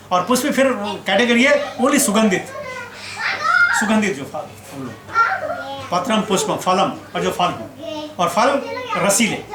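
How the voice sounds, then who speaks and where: A man teaching scripture as a sermon, telling stories lively and acting out the quotes. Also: high-pitched. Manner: animated storyteller who acts out quotes. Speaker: spiritual teacher. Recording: echoey room with background noise.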